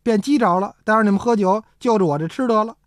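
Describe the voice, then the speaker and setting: A woman voicing an aggrieved royal prince who grumbles in a lowered voice. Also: fast talker, dry recording, natural voice. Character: grumbling middle-aged royal prince, bruised.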